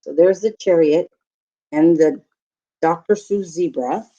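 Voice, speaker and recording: Her voice sits low with a warm tone, and the recording is lo-fi. Like a teacher with a group of small children, she reads a rhyming picture book in an expressive, deliberate storyteller's manner.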